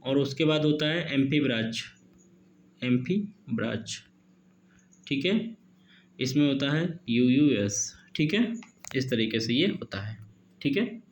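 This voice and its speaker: A man teaching an exam-prep literature lesson, mixing Hindi and English, reading questions out slowly and adding "okay" and "friends" often. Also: medium pitch, expressive, slight background noise. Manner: reads questions slowly, peppers with "ठीक है" and "दोस्तों".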